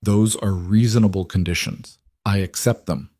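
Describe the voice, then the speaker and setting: A powerful crime boss speaks in a low, calm voice, gentle yet firm, read by a male narrator. The sound is dry and close. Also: normal speed, no room sound, close to an everyday voice.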